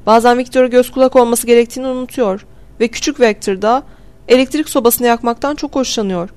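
A woman's voice: fairly high pitch, quick pace, a little mellow, pitched above the performer's own voice, close to an everyday voice. A woman doing a frantic pleading mother. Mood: desperate pleading. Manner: pleading, raised and strained.

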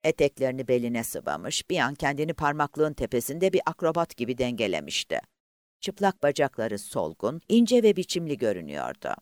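A man reading a novel aloud as an audiobook narrator, with a dramatic, highly varied delivery. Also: big pitch swings, normal speed, dry recording, clean studio sound.

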